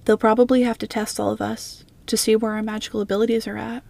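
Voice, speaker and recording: Female reader as a practical young witch, even and flat, dark-toned. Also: a little high, fast, gravelly. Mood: matter-of-fact. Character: bushy-haired young witch, matter-of-fact. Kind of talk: fan fiction audiobook.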